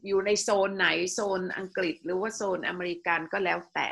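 A woman from Thailand teaching an English lesson, explaining slowly and leading the class in repeating phrases, with many polite particles. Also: lowish voice, steady tone, vocal fry, fairly bright tone, husky, poor audio. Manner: slow, drawn-out explaining with frequent polite sentence particles. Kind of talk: classroom language lesson with choral repetition.

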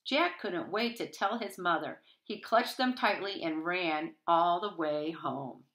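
The storybook reader, a middle-aged woman, reads slowly to young children in a voice that's on the low side yet fairly bright in tone. She reads the picture book expressively with dramatic emphasis, indoors in a small wood-panelled room at home.

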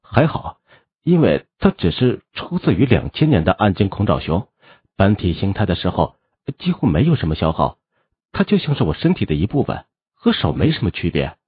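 A good-natured teenage hero, voiced by a man close to his own voice, speaks in a relaxed, easygoing way. The voice is low and husky, on a dull, dry recording. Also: moderate pace, no room sound, exaggerated voice. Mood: friendly. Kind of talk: audiobook character voice.

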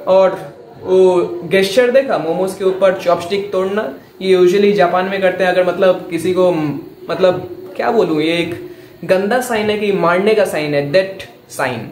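A man hosting a music reaction channel, explaining song lyrics in casual commentary, hyped up and switching between Hindi and English in quick bursts. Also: sits high, a little mellow, roomy sound, a little hiss or hum.

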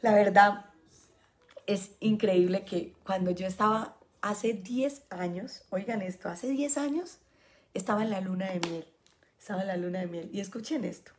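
A woman's voice: mid-range voice, fairly even intonation, normal speed, slight background noise. A woman with a Medellín Colombian accent, telling a personal story to her online audience in a chatty way and laughing often. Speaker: spiritual healing coach.

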